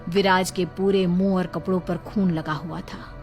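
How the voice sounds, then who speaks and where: A woman's voice: on the low side, fairly even intonation, moderate pace. A woman narrating a scripted horror story, with dramatic emphasis at the scary moments. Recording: voice over loud background music.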